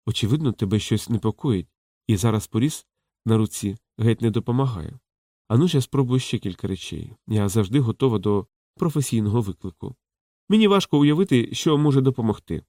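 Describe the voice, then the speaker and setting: A man reading a calm, knowing courtesan in a soft, low and hushed voice. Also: a little fast, no room sound, clean studio sound. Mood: teasing. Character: frank, teasing courtesan woman, calm and knowing.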